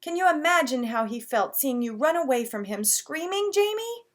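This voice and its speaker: A woman's voice: high voice, very animated, moderate pace, pitched above the performer's own voice. A woman voicing a mother in a storybook reading, earnest and scolding. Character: stern but caring mother.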